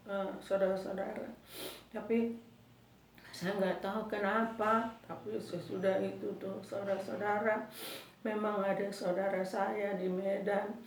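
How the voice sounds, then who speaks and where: A woman in her fifties giving a church testimony, telling her story to the congregation and calling them brothers and sisters. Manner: addresses listeners as brothers and sisters, grows loud and high when reliving fear. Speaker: testimony speaker. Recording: echoey room, voice from far off, faint noise.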